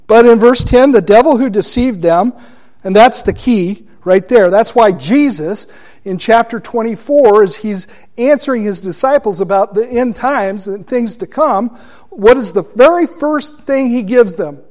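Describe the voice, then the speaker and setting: A man teaching a Bible study class, deliberate and asking his listeners questions. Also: high voice, expressive, darkish tone.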